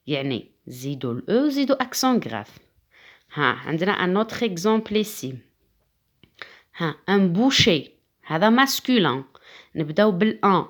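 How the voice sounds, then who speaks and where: A woman with an Algerian Arabic accent, a French teacher who explains grammar rules patiently and repeats each rule slowly. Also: mid-range voice.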